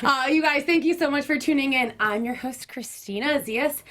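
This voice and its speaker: A woman's voice: sits high, normal speed, a bit bright. A young woman hosting a casual panel show, bubbly and upbeat. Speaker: host.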